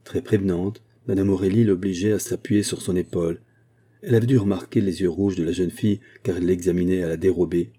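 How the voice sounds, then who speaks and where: A man reading a classic novel as an audiobook, in a measured, steady narration. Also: sits low, husky.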